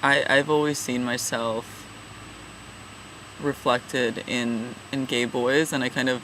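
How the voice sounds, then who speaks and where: A man in his twenties from California talks in a halting, thoughtful, self-deprecating way in a casual personal vlog. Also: medium pitch, steady tone, sharp tone, a little hiss or hum, rough recording. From California, USA. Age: 20s. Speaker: vlogger, regular channel contributor.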